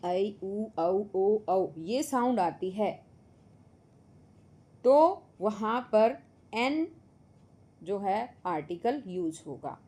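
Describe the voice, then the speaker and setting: Woman teacher, patient and unhurried, walks children through English grammar and reads example sentences slowly. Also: mid-range voice, darkish tone. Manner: patient, slow and repetitive, addresses the children directly. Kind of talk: school lesson explanation.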